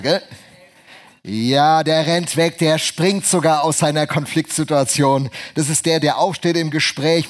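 A man preaching a lively sermon, swinging between hushed and loud voices. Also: fairly high pitch.

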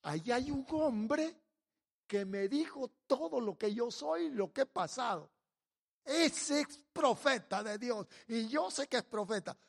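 A man's voice: very high-pitched, expressive, a little slow, gravelly, in a large hall, pitched above the performer's own voice, full character voice. A man preaching, voicing an astonished woman who tells of a prophet. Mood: marveling.

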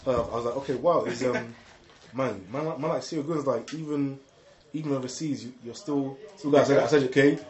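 Young man, excitable, slangy, casual storytelling, roomy sound. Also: medium pitch, fairly quick. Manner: excitable, slangy, repeats words, laughs often.

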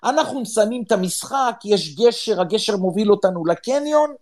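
A middle-aged man from Israel telling a story with drama, often urging his listeners to listen well. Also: sits high. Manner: excitable, dramatic, swears, repeats "listen well". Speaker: podcast panelist. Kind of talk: animated storytelling.

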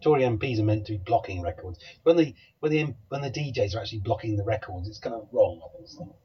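A man co-hosting a casual podcast, giving dry, brief replies in a husky voice. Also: on the low side, expressive, quick pace. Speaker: podcast co-host. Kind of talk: casual chat. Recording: dull lo-fi podcast audio.

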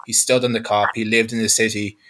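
A man's voice: lowish voice, flat delivery, quick pace, noisy background. A man in his twenties with a west of Ireland accent, a sports journalist talking fluently and reflectively as a guest in a football discussion. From Galway, west of Ireland. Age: 20s.

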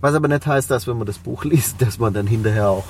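This fast talker has a medium-pitched voice, caught on a distant mic with a little hiss or hum. In his forties and Swabian-accented, he owns a cleaning company and speaks reflectively, with many fillers, as a guest in a podcast interview.

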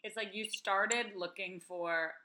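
A woman's voice: medium pitch, steady tone, slow pace, pushed and bright. A woman around thirty hosting a podcast, affirming and enthusiastic in casual conversation. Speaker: podcast host. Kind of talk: casual interview chat. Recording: roomy echo.

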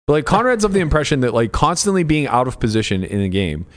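A man's voice: mid-range voice, sing-song, quick pace. A man co-hosting a podcast, teasing his friends in casual banter and swearing freely. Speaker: podcast co-host.

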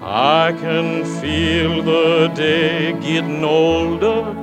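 A courting cowboy on an old 1940s record. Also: male voice, on the high side, fairly even intonation, loud music behind the voice. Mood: tender. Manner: slow, drawn-out crooning. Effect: old 1940s stage cast recording. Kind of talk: singing a Broadway showtune.

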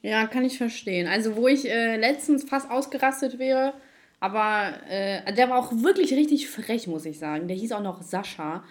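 A woman co-hosting a podcast, telling stories in a lively casual way and swearing freely. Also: fairly high pitch, normal speed. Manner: animated storytelling, laughs often, swears. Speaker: podcast co-host. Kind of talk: casual chat.

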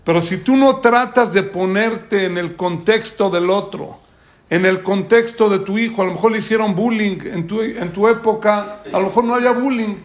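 A man's voice: sits high, moderate pace. A man giving a weekly Torah class as a sermon, telling a story and acting out the characters' lines.

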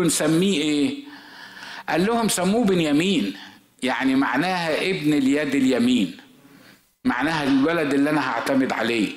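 A man's voice: a little high, echoey room. A man preaching a sermon as a pastor with an Egyptian Arabic accent, telling stories in a conversational way and asking his listeners rhetorical questions.

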